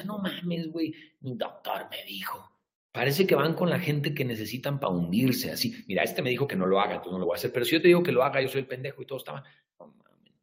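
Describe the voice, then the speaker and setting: A man with a Mexican Spanish accent giving a blunt, profane motivational rant to his viewers, swinging from hushed to shouting. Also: lowish voice.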